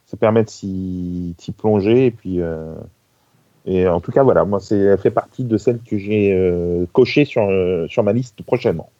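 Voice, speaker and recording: Mellow, relaxed podcast co-host. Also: deep voice, moderate pace, no room sound, dull audio. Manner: relaxed, agreeable, stumbling restarts. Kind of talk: casual chat reviewing TV series.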